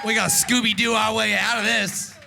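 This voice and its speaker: A man's voice: high voice, little pitch movement, brisk, vocal fry, pushed and bright, faint music behind, a faint crowd. A man playing in an improvised comedy tabletop game, talking in a goofy, joking way. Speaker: player.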